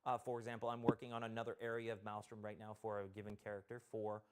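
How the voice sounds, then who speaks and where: A man's voice: lowish voice, monotone, fast talker, smooth. A man from Canada, a game developer guest on a talk show, explaining technical systems in detail and thinking aloud as he goes.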